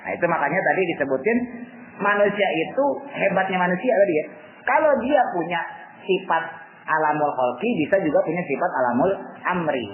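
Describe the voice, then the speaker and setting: A high-voiced man gives a relaxed religious lecture, his pitch swinging up and down as he jokes and acts out quotes. The sound is thin and phone-like, with a roomy echo and a faint hiss behind him. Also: a little fast. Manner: colloquial and joking, acts out quotes. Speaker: religious teacher. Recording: tinny echoey lo-fi recording with faint noise.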